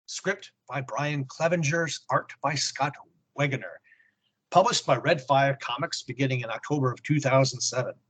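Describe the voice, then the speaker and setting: A podcast co-host reads a scripted report on comics and history, tossing in snarky muttered asides. His voice is mid-range and husky, and the recording is rough.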